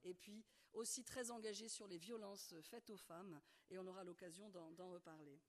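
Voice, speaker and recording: A woman's voice: fairly low pitch, fairly even intonation, moderate pace. A woman from France with a French accent, preaching a sermon in a chatty way with laughing asides to the congregation. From France, Bordeaux. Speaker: guest preacher, theologian.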